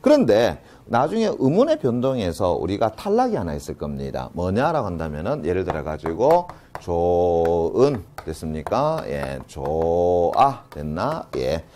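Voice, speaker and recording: A male teacher lecturing on grammar keeps asking students check-in questions and answering them himself, drawing out and stressing key terms. His low-pitched, dark voice swoops wildly in pitch, over a slight hiss or hum.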